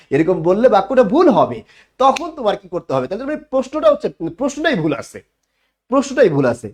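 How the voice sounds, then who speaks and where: A young man teaching a live online grammar class, often asking students to repeat the answer back to him. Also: sits high.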